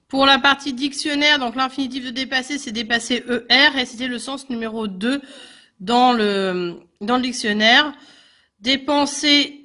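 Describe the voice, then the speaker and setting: A woman's voice: on the high side, bright, forceful tone. A woman teacher, methodically going over a grammar exercise and spelling out word endings letter by letter. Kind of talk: grammar lesson correction.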